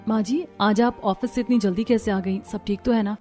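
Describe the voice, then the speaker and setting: A woman voicing a caring young daughter-in-law in an animated cartoon, speaking politely and eagerly. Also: medium pitch, brisk, soft background music, lightly acted.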